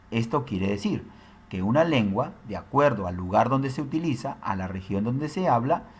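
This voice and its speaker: Man explaining with lively pitch. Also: a little hiss or hum. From Peru. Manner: explanatory, frequent tag questions. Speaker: teacher. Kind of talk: recorded language lesson.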